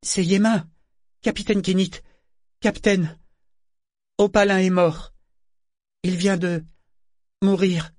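A frightened young ship's boy, shrill and breathless with desperation. The pitch climbs far above a grown man's, pushed loud and urgent. The sound is dry and close. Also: fairly even intonation, slow, pauses often, no echo. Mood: desperate.

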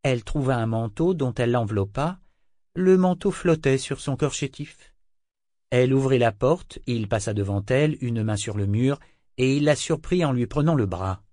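A male narrator reads prose at a measured, even pace. His voice sits in a middle register, recorded close and completely dry. The delivery is steady and unhurried. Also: medium pitch, no echo. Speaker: audiobook narrator. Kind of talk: scripted narration.

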